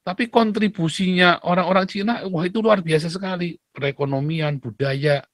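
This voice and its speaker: Emphatic higher-voiced male commentator. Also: normal speed, no echo, clean studio sound. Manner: emphatic, repeats points with rhetorical tag questions. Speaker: political commentator. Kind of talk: opinionated monologue commentary.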